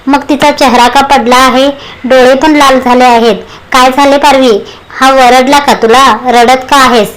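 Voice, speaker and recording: A caring, worried middle-aged mother who asks gentle, anxious questions in a storybook reading, voiced by a woman. The voice sits high. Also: fairly even intonation, unhurried, rough recording.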